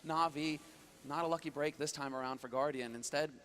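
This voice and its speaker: Fast, high-pitched male esports caster. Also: steady tone, a little hiss or hum. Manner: urgent, building to shouts at big plays. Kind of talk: excited esports play-by-play commentary.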